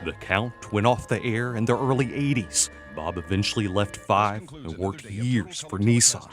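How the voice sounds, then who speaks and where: A man narrating a scripted TV news feature as a reporter, with playful dramatic storytelling and deliberate pauses. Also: fairly low pitch, loud music behind the voice.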